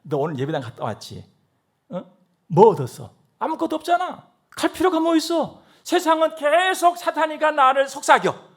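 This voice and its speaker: A preacher voicing a scornful tempter spirit that needles and mocks with questions. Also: male voice, very high voice, sing-song, normal speed, a bit bright, pitched above the performer's own voice, full character voice. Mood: taunting.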